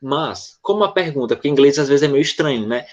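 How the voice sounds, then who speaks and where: A man's voice: mid-range voice, expressive, quick pace, highs cut off. A Brazilian man teaching an online class, patiently explaining a grammar rule and checking often that students follow. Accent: Brazilian Portuguese. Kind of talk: online English lesson explained in Portuguese.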